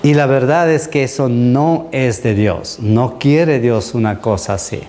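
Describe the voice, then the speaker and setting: A man's voice: mid-range voice, measured pace, mellow, a little hiss or hum. Male pastor, middle-aged, conversational sermon teacher who takes questions. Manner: conversational, answers congregation questions.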